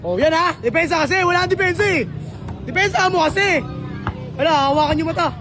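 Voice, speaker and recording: A man giving excited, trash-talking courtside commentary on a street basketball match. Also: very high voice, brisk, music in the background. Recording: outdoor crowd and street noise.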